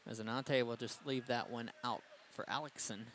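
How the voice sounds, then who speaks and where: A man doing play-by-play commentary for a high school hockey game, brisk and getting louder on big plays. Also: a little hiss or hum. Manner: brisk, rises in excitement on goals. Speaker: play-by-play announcer.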